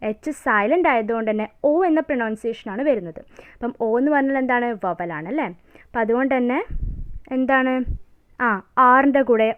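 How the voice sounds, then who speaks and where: A woman with a Malayali accent teaching English grammar, who asks her students questions and answers them herself and reads the English examples slowly. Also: fairly high pitch. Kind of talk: lesson explaining grammar to students. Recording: narrow phone-like sound.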